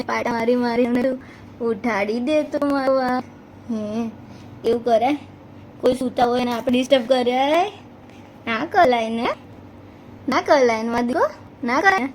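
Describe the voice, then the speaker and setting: A woman's voice: high voice, slight background noise, rough recording. Sing-song Gujarati mother talking baby talk. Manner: sing-song, affectionate, teasing. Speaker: vlogger filming her baby. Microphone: handheld phone.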